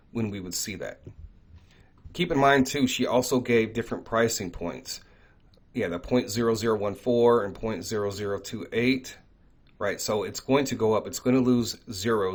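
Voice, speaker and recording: A man hosting an online talk, speaking conversationally with many fillers and frequent "right?" check-ins. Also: medium pitch. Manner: reads quoted prophecies aloud. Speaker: crypto channel host. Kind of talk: casual talk to camera.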